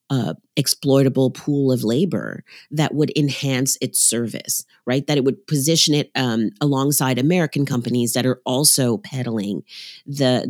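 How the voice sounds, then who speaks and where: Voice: mid-range voice, darkish tone, dry recording, clean studio sound. A historian explaining a topic fluently and analytically, often checking in with "right?". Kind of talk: expert interview commentary.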